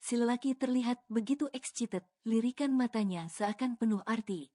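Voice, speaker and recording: A woman narrating a romance audio novel in an even storytelling way, with casual colloquial asides. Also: a little high, moderate pace.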